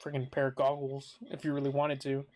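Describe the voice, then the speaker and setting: A man's voice: medium pitch, completely flat delivery, fairly quick, a little mellow. A young man hosting a casual podcast chat with friends, rambling and joking with casual swearing. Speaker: podcast host.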